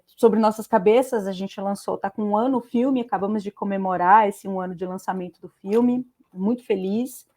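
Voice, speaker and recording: A woman's voice: medium pitch, mellow. A woman from Bahia, a film director, introducing herself casually on an online panel, chatty with small hesitations. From Bahia, Brazil. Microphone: video call.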